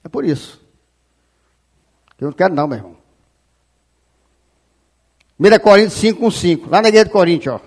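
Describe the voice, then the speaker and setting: A man preaches a fiery sermon in a very high voice. He shouts and scolds his listeners, and his pitch swings wildly from phrase to phrase. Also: lively intonation, brisk, pauses often. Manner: shouting, scolding, repeating "rapaz"; quotes scripture aloud. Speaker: pastor.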